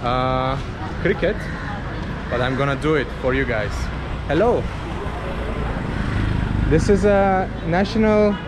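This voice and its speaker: Filming on a handheld camera at arm's length, an Azerbaijani vlogger with a fairly high voice strolls a noisy market street, speaking slowly with frequent pauses. He chats in simple non-native English and asks people for directions amid loud traffic and crowd noise.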